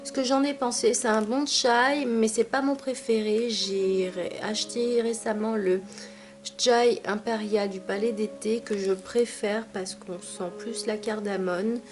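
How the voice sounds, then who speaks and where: A woman's voice: a little high, fairly even intonation, a little slow, darkish tone, soft background music. A young adult woman reviewing teas she has finished, chatty, with many fillers and asides. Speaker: tea vlogger. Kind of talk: casual product review.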